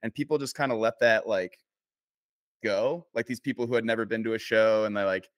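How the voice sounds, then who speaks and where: A man hosting a podcast, relaxed and agreeable in casual conversation. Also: lowish voice, dry recording, clean studio sound. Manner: relaxed, agreeable, quick laughs. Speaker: podcast host. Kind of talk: casual chat.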